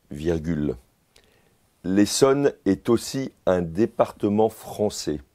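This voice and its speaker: A man's voice: deep voice, mellow. A man playing a candidate in a comic dictation sketch, answering formally and repeating every phrase with its punctuation.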